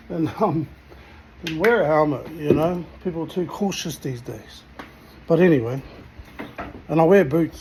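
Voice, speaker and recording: A man's voice: on the high side, dark tone, a little hiss or hum, low-quality recording. A man giving a casual, blunt rant to camera in sweary slang. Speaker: motorcycle vlogger.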